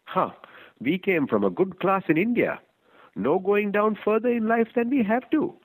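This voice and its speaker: A man's voice: high-pitched, expressive, normal speed, voice pushed up, low-quality recording. A man voicing a proud, snobbish immigrant wife and mother who speaks in a haughty, disdainful way.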